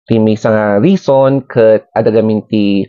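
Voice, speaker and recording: A soft-spoken man from the Cordillera with a Cordilleran Ilocano accent, vlogging and explaining casually to camera with little chuckles between points. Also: fairly low pitch, fairly even intonation, normal speed, clear, resonant tone, dry recording, dull audio. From Benguet, Cordillera, Philippines.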